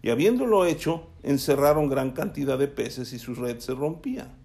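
A man preaching a sermon. He reads scripture aloud, then explains it conversationally and checks in with his listeners through quick tag questions. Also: mid-range voice, lively intonation, warm tone. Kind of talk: sermon with Bible reading.

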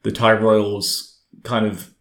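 A man's voice: on the low side, monotone, takes it slowly, vocal fry, fairly bright tone. A man hosting a casual history discussion, thinking aloud as he goes. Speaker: podcast host. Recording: echoey room.

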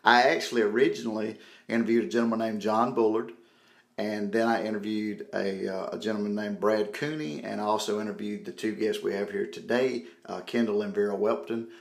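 A man's voice: lowish voice, steady tone, fairly quick, gravelly. A man hosting a podcast, talking casually to his listeners as he introduces the show. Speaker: podcast host. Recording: roomy echo, faint music behind.

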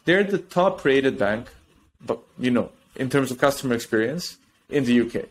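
A man from a tech company is a guest on a podcast interview, explaining technology with animation. His voice sits at medium pitch and moderate pace, and he restarts often and lets thoughts trail off.

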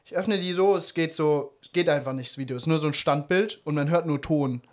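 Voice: medium pitch, fast. A young adult co-host telling a long story in casual chat, rambling with slang and fillers like "bla bla bla".

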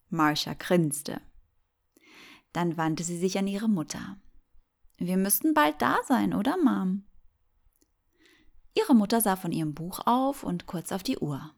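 A woman reads a scripted sleep story. Her voice sits slightly low, and she takes her time over every phrase. The delivery is gentle, calm and soothing, meant for bedtime listening.

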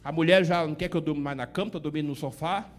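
A man's voice: a little high, very fast, voice pushed down, close to an everyday voice. A preacher acting as a weary, whiny married man. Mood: pleading. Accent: Brazilian Portuguese. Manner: whiny, pleading lament. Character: weary married man complaining to his pastor.

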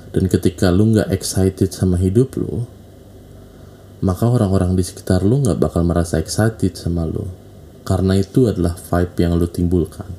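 A man talks through a casual monologue of relationship advice, slangy and preachy, circling back to the same points. His voice is low and very dark, almost mellow, with a faint hiss of noise behind it. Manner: slangy, preachy, repeats himself.

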